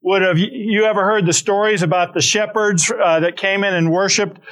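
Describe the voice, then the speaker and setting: Middle-aged guy preaching, kinda high voice, rambly storytelling, lots of restarts. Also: fairly even intonation, normal speed, a bit bright. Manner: conversational storytelling with frequent restarts. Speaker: pastor. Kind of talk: sermon.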